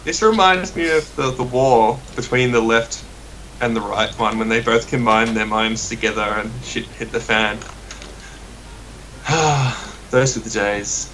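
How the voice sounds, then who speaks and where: A man's voice: mid-range voice, unhurried, a bit bright. A man chatting casually with friends while playing a game. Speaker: gamer. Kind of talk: casual gaming banter. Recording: distant mic with faint noise.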